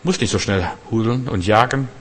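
A man preaching a sermon, swinging between loud proclamations and quiet, conversational asides. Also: on the low side, moderate pace, slight background noise. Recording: long hall reverb.

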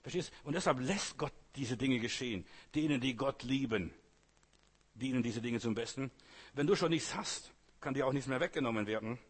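A man's voice: medium pitch, moderate pace, slightly rough. A man preaching a sermon, speaking earnestly in short repeated phrases and addressing the listener directly.

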